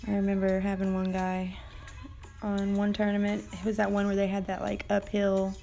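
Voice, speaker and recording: Woman streamer, mellow gravelly voice, tired late-night chat over her game with soft music behind. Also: medium pitch, monotone, moderate pace. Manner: chatty, rambling, casual swearing. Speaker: mobile game livestreamer. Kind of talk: casual live gameplay commentary.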